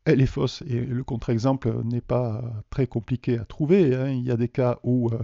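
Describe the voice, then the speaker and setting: A man's voice: medium pitch, fairly even intonation, normal speed, vocal fry, dark tone, dry recording. A man from France teaching a math lesson in a video, explaining patiently and putting questions to the viewers. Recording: dull, dry lo-fi voice recording.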